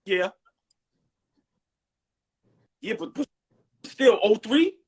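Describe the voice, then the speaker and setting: A man in his forties hosting a livestream, teasing and trash-talking loudly in casual chat, repeating himself. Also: high voice, animated, unhurried, husky. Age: 40s. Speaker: livestream podcast host. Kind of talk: casual sports trash talk.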